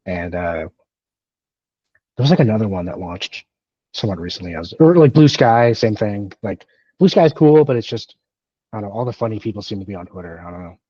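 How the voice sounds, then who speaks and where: A man's voice: fairly low pitch, lively intonation, fairly quick, dark tone, husky, no echo, lo-fi sound. A man in his early thirties co-hosting a podcast, chatting casually in a rambling, self-deprecating way with lots of fillers and restarts. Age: 30s. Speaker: podcast co-host. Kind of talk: casual chat.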